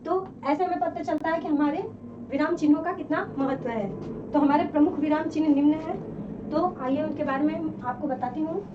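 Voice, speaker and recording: A woman teacher giving a classroom lesson, explaining slowly and repeating her examples. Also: high-pitched, noisy background. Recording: dull, distant-sounding lesson recording.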